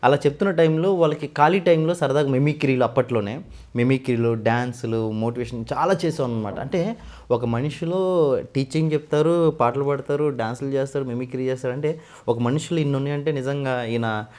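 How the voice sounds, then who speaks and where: A man from West Godavari in India, a mimicry artist, telling his story in a casual interview and often addressing the interviewer as sir. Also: mid-range voice. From West Godavari, Andhra Pradesh. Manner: fast, animated storytelling with frequent sir.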